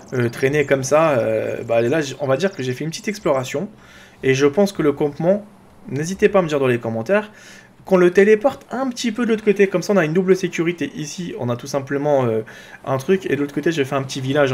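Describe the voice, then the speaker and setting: A man with a French accent doing chatty, excitable let's play commentary, talking to his viewers and to his own character. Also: fairly high pitch, slight background noise. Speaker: gaming YouTuber.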